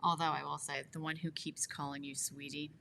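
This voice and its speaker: A woman with a very low voice reads out questions and chats as a podcast co-host. She answers bluntly and jokes a lot. Faint background noise runs under her voice. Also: little pitch movement, brisk, creaky, fairly bright tone. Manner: blunt, joking, asks the questions. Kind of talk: casual chat.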